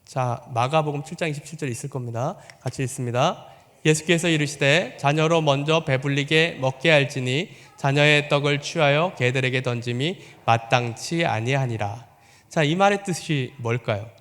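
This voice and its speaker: Male pastor, sermon, asks the congregation questions, acts out quotes, high-ish voice, echoing hall. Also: normal speed, fairly bright tone. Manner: acts out quoted voices with rising pitch and volume.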